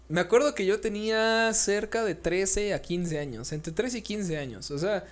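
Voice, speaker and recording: A young man with a Mexican Spanish accent, chatting casually and telling stories in an animated, slangy way. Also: sits high, slow. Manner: animated storyteller, slangy, acts out quotes. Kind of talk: casual chat.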